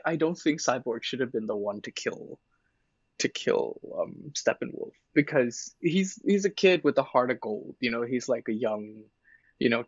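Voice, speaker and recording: A man co-hosting a casual podcast, talking in an animated way with many fillers and laughing. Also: medium pitch, husky, no room sound, dull audio. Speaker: podcast co-host. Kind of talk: casual chat.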